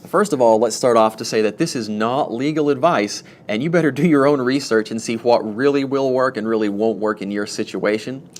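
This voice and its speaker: A man's voice: medium pitch, fairly quick, few pauses. A man hosting a homestead channel, rambling chattily to camera with self-mocking asides, a little wired from too much coffee. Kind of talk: casual talk to camera.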